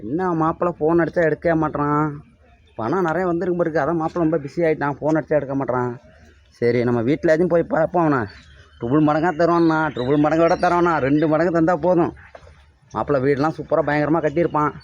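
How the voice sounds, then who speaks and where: Excitable young man with a village Tamil accent. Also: on the high side, quick pace, highs cut off, a little hiss or hum. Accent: Tamil Nadu village Tamil. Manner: excitable, questioning, scolding. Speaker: comedy skit actor. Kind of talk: casual comedy skit dialogue.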